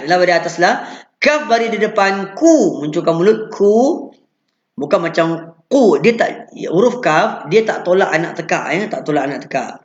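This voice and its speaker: Malaysian guy teaching recitation live, highish voice, echoey dull room sound. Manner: explains patiently, models sounds by chanting them.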